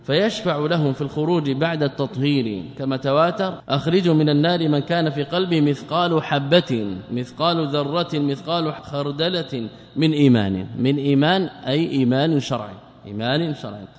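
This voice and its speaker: A man teaching a grammar lesson, quizzing his students and repeating key words slowly. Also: on the high side. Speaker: Islamic scholar teaching a class. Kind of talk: classroom lesson with questions to students. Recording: long hall reverb.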